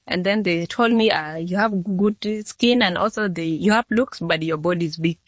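A woman's voice: lowish voice, normal speed, no echo. A nineteen-year-old woman from Sudan, answering interview questions plainly and earnestly, often restarting her sentences. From South Sudan. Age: 19, young adult. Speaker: model, interview guest.

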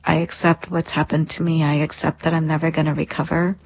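A woman's voice: low voice, little pitch movement, brisk, breathy edge. A woman in her thirties, an interview guest, telling a personal story in an earnest, reflective way. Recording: lo-fi dull sound.

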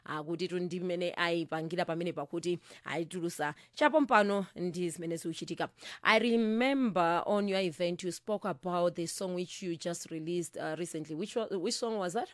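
A woman hosting a music interview, relaying her guests' answers to listeners and questioning them in a rapid, animated way. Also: lowish voice, dry recording, studio quality. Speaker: interview host.

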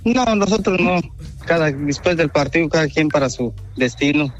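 Answer as a Guatemalan man in his twenties over the phone, a bit high and unsure, keep replies short. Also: expressive, moderate pace, highs cut off, faint music behind. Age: 20s. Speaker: prank call target. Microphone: phone call.

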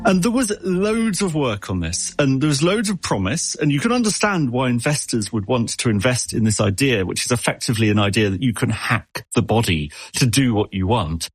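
A man's voice: medium pitch, sing-song, brisk, hardly any pauses, slightly rough, no echo. A man answering an interviewer as an expert, explaining with analogies and often stumbling over repeated words. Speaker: expert guest.

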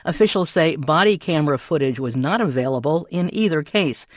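A woman's voice: low voice, expressive, a little fast, no room sound, studio quality. A woman working as a public radio host, reading scripted national news as a newscaster.

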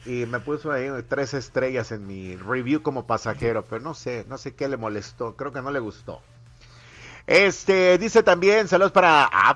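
In playful morning radio banter, this man reads out messages from listeners and ribs his co-host. He has a mid-range, slightly bright voice, and the recording's highs are cut off.

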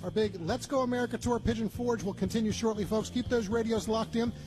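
A man's voice: very high voice, steady tone, fast talker, low-quality recording. A man hosting a radio travel show, chatty and upbeat, with frequent fillers. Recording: music bed behind voice.

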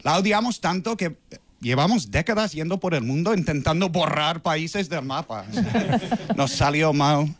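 A man's voice: fairly high pitch, lively intonation, a little slow, crowd noise. An American man in his thirties doing a stand-up comedy set with dry, punchy joke delivery. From United States.

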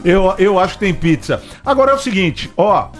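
A man's voice: sits high, very animated, normal speed, soft background music. A man co-hosting a casual news chat, fond of wry jokes and asides. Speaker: co-host.

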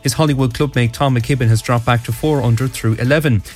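A man's voice: mid-range voice, fairly even intonation, fast talker, darkish tone. An Irish man reading a scripted radio bulletin as a news, weather and sport presenter. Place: radio studio. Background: music.

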